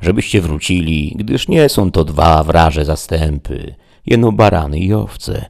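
A man reading a storybook aloud, voicing an excitable, fretful peasant squire with loud, alarmed exclamations. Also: sits low, measured pace, creaky, heavily acted. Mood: reproachful.

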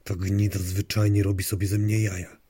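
A man's voice: on the low side, flat delivery, fairly quick, dark tone, husky, no room sound. A man voicing a grumpy, cursing grandmother in an audiobook story, snapping and muttering. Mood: spiteful. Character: grumpy foul-mouthed grandmother obsessed with a mole.

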